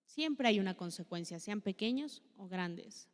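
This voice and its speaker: A woman's voice: medium pitch, animated, unhurried. A woman with a Mexican accent gives a chatty, conversational sermon at a women's church meeting and asks many rhetorical questions. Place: church hall. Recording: long hall reverb.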